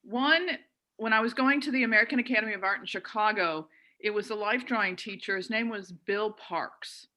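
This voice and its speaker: A woman, a club member, telling a lively anecdote on a video call and quoting an old teacher. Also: mid-range voice, a little fast.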